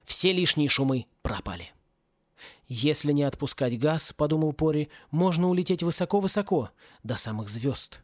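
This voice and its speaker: A man reading a satirical fantasy audiobook in an expressive, lightly ironic narration. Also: a little high, normal speed, no echo, clean studio sound. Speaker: audiobook reader.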